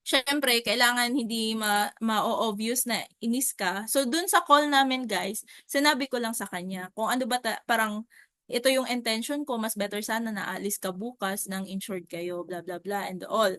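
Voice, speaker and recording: A young Filipino woman telling a story about her work with clients in a chatty, animated way, often turning to her viewers. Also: on the high side, moderate pace, no room sound. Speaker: insurance agent. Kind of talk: casual storytelling vlog.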